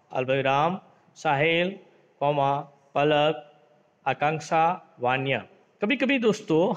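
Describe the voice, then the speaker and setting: Slow, lively male teacher in a reverberant room. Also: a little high. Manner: explains slowly with examples, mixes in English words, addresses the class as friends; reads example sentences in a lifted, acted voice. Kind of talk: classroom grammar lesson. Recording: dull lo-fi sound in a reverberant room.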